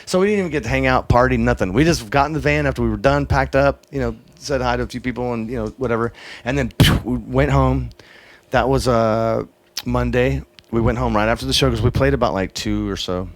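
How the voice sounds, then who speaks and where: Man, mid-pitched voice, casual storyteller, swears freely, dry close studio sound. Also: a little fast, no echo. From Texas. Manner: lively storyteller who acts out quotes and swears casually. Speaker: guest musician. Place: recording studio.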